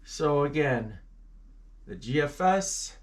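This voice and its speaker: A man's voice: a little high, expressive, slow pace. A man casually walking through a weather forecast, chatty and playful, tossing out goofy exclamations and fumbling aloud with his maps.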